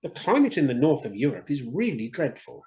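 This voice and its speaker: A man's voice: mid-range voice, very animated, brisk, dark tone. A man voicing a small, vain, self-important swallow in a storybook, with a fussy, exclamatory way of talking. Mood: grumbling.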